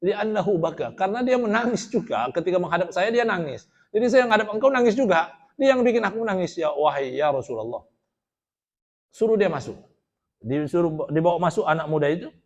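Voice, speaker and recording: A man's voice: sits high, lively intonation, brisk, lo-fi sound. A male preacher giving a storytelling sermon to a study gathering, quoting Arabic and then explaining it in plain talk, often asking his listeners questions. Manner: asks the audience rhetorical questions.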